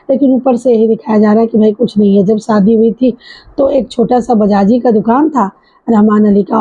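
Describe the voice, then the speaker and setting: Husky, mellow woman retelling a story. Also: a little high. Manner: conversational, with frequent fillers and restarts. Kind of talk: casual spoken retelling of a story. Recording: dull lo-fi recording.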